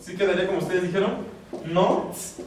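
A man's voice: high voice, moderate pace, slight background noise. A man teaching a language class, patiently explaining grammar step by step. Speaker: Nahuatl teacher. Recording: echoey room from far off.

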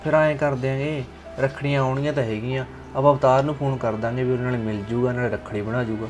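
A young man plays a Punjabi husband who soothes his upset wife. He talks fast and reassuringly, with music running under his lines. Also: medium pitch, steady tone, lightly acted. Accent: Indian Punjabi. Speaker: husband in a family drama. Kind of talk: village web drama acting. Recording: background music under dialogue.

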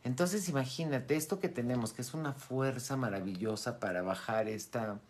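A middle-aged woman giving an animated talk to her followers as a spiritual teacher, often acting out the voices she quotes and laughing. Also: very deep voice, normal speed. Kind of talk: live-streamed talk to followers.

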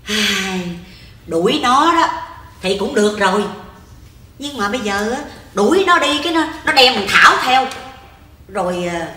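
A woman's voice: mid-range voice, animated, pushed and bright. A blunt, scolding stage mother. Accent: Southern Vietnamese. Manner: coarse, scolding, quick comebacks. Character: blunt, grumbling middle-aged mother. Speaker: comic stage actor. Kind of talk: live stage comedy sketch. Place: large theater stage. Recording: echoey stage with audience noise. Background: audience laughter.

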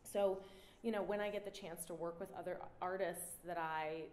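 This artist talk comes from a woman in her thirties whose pitch runs fairly low. At a standing microphone in a gallery room, she walks an audience through slides of her artwork in a relaxed, thoughtful way, with many "um" pauses, captured in roomy sound with faint noise.

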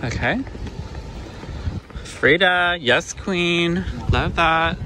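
Outdoors at a sunny cruise port, a man in his thirties vlogs a family trip into a handheld camera, gushing, playful and chatty. His voice is a little high and very slow, with background noise behind him in this casual travel vlog.

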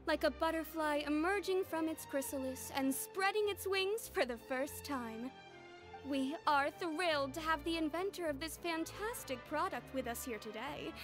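An actress voicing a woman store announcer who addresses the customers in a cheerful public announcement style. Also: high voice. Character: woman store announcer presenting a new product. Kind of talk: video game voice acting. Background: game music.

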